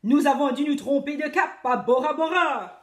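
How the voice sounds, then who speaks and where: A woman's voice: normal speed, lightly acted. A woman doing a bellowing pirate captain. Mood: dismayed. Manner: booming, shouted orders. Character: loud gruff male pirate captain, bossy.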